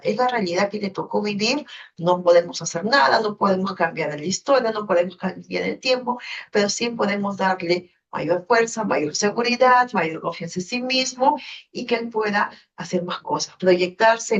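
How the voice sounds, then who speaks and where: A female teacher giving gentle, reassuring advice to a student on a video call, pausing often as she speaks. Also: mid-range voice, recorded from a distance, lo-fi sound. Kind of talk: counseling a student in an online class.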